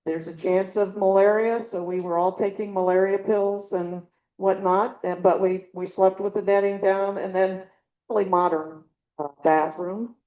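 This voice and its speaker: Speaking at a moderate pace in a steady, mid-range voice, a middle-aged woman delivers an informal slide presentation to her birding club. She wanders off track, with frequent ums and restarts. The audio is dull, coming from a handheld or clip mic with a dying battery in a meeting room with a few listeners.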